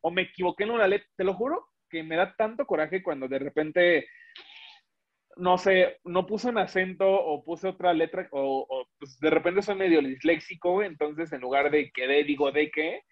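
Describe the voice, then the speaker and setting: A man's voice: on the high side, normal speed, lo-fi sound. A man talking casually as an interview guest, rambling with many restarts and fillers. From Mexico. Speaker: guest, illustrator and animator.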